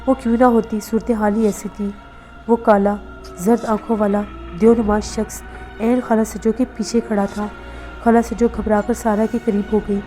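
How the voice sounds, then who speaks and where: A woman narrating a horror novel in a steady, dramatic storytelling manner. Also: medium pitch. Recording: faint background music.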